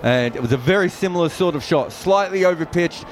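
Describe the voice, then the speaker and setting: A man's voice: sits high, animated, a little fast, a little hiss or hum. A man offering conversational cricket commentary and analysis.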